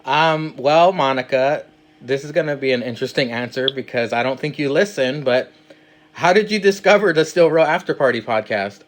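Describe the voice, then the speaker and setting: A man hosting a casual podcast interview, upbeat and quick to laugh at himself. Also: mid-range voice, slight background noise. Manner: upbeat, laughs easily, self-mocking. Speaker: podcast host.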